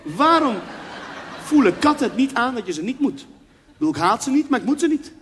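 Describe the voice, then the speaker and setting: A young man performing stand-up comedy, telling a story with animated delivery and acting out voices and sound effects. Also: very high voice, quick pace. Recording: reverberant venue with faint background noise.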